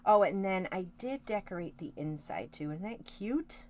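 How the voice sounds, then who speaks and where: A woman's voice: mid-range voice, lively intonation, normal speed, a little mellow. Chatty woman hosting a craft tutorial. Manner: chatty, talks to live viewers by name while working; rambling, self-correcting asides. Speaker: card-making tutorial host. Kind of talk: casual craft demonstration.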